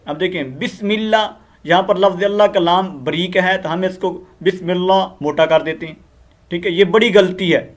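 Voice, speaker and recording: A man's voice: high voice, steady tone. A man with a Pakistani Urdu accent giving a spoken Quran recitation lesson, explaining in an earnest, repetitive teaching manner with frequent fillers.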